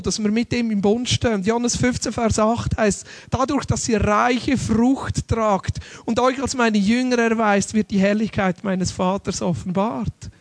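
A man's voice: extremely high pitch, no room sound. A man preaching a sermon in an earnest, conversational way, often asking rhetorical questions.

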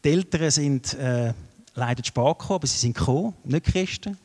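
A middle-aged man with a Swiss German accent, preaching a sermon with lively storytelling that swings between loud and soft. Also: mid-range voice, brisk. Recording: long hall reverb.

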